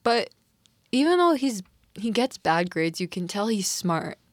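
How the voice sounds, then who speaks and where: A mid-range, sing-song voice comes from a young Canadian woman speaking a little slowly, recorded dry in a clean studio. In her role as podcast co-host, she chats casually about a TV drama with slangy, emphatic, informal phrasing.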